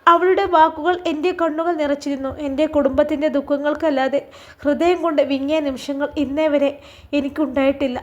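Soft-voiced woman storyteller. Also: high-pitched, steady tone, fairly quick, dull audio. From Kerala. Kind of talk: emotional story narration.

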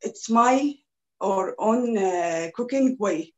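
A woman in her thirties from Iraq, speaking English as a second language with a slow, halting delivery full of pauses, introducing herself on a video call as she teaches a cooking class from her kitchen. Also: mid-range voice, animated, dull audio. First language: Arabic. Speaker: home cook teaching a cookalong. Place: small kitchen indoors. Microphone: laptop video call.

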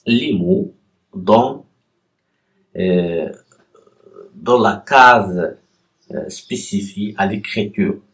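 A man teaching a class, guiding learners through written exercises with deliberate pauses and spelled-out syllables. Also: fairly low pitch. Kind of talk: slow, patient classroom exercise walkthrough.

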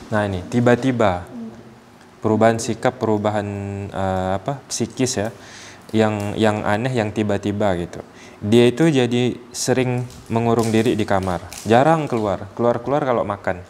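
Calm man explaining at an even pitch. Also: a little hiss or hum. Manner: calm, explaining with examples and acted quotes. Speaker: ruqyah healer. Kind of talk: explanatory talk to a patient.

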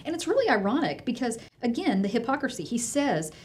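A woman's voice: fairly high pitch, big pitch swings, a little fast, a little mellow. A woman therapist in a casual conversation, analyzing behavior and affirming her partner often. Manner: engaged, analytical, frequent affirmations. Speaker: mental health therapist.

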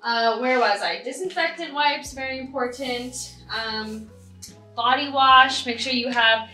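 A cruise ship dancer in her 20s vlogs casually to a camera on a tripod or at arm's length, moving from a hotel room to a small ship cabin. Her high, bright, forceful voice is upbeat and chatty with quick asides and laughs, though a touch tired. Faint music sits behind the low-quality recording.

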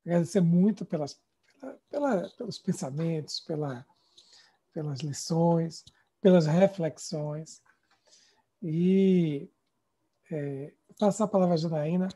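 A man's voice: a little high, warm tone, husky. A man with a Bahian accent hosting a seminar panel, playful and telling anecdotes with frequent laughs. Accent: Bahian Brazilian Portuguese. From Bahia, Brazil. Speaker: seminar host and moderator. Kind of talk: casual panel talk.

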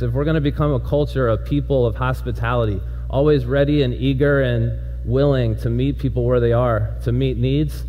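A man's voice: mid-range voice, warm tone. A middle-aged man preaching as a guest pastor from a large church stage, earnest and emphatic, drawing listeners in with rhetorical questions. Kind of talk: sermon. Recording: long hall reverb, faint hum.

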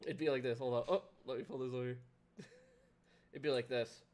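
A man's voice: medium pitch, fairly even intonation, brisk, darkish tone. A man live-streaming a video game, chatting casually with viewers in a rambling way and laughing often. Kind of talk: casual gameplay commentary.

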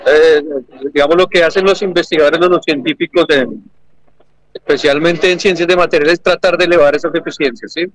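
A high-voiced man with a Colombian accent, a lecturer walking visitors through his display. He speaks patiently and keeps checking that they follow. The sound is dry and close, with little room echo. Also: steady tone, a little fast. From Argentina and Colombia. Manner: explanatory, checks understanding with frequent "¿sí?". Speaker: electrical engineering lecturer and researcher. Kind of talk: explaining at an education fair stand. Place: large indoor exhibition hall.

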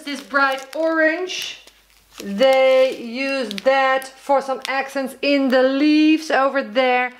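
A woman with a high, light voice chats slowly and warmly to her viewers in a casual unboxing vlog, describing each piece as she holds it up. The room sounds echoey, and there is faint noise in the background. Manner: chatty, addresses viewers as guys, describes items as she shows them. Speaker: crafting vlogger.

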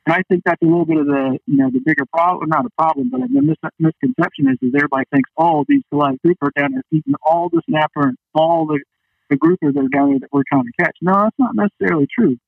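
Over a dull, band-limited phone line with no echo, a man chats casually as a guest fishing captain, telling stories interview-style. His voice is a little high, very animated and fast, creaky with a breathy edge, and his talk is folksy and sprinkled with "you know."

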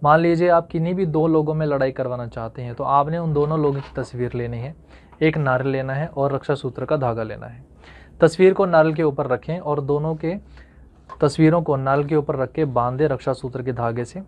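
A man's voice: fairly high pitch, a little fast. A man hosting an occult remedies channel, talking viewers through instructions step by step and calling them friends. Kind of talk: instructional monologue. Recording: dull lo-fi recording.

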